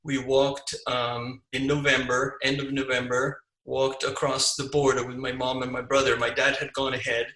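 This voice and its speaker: A man in his seventies, born in Hungary, speaking as an interview guest and recalling his life in a reflective, halting way with many restarts. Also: mid-range voice, level tone, sharp tone, reverberant, low-quality recording. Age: 70s. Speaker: guest, physician and screenwriter. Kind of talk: casual interview.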